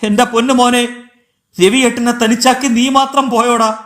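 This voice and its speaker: A man's voice: very high-pitched, little pitch movement, moderate pace, fairly bright tone, pitched above the performer's own voice. A man voicing a wailing, grief-stricken man. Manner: crying out, desperate. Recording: echoey room.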